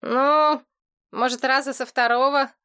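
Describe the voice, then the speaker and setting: A naive, cheerful young male demon who rambles eagerly and sheepishly, as a woman voices him in an audiobook. His voice rides high above the reader's usual tone. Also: steady tone, a little slow, bright, forceful tone, clear, resonant tone. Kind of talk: audiobook character reading.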